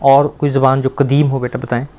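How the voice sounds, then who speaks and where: A man teaching Persian to children, repeating words slowly and questioning his pupils. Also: mid-range voice, little pitch movement, warm tone. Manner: patient, repeats words slowly to drill pronunciation; asks the pupils questions and praises answers.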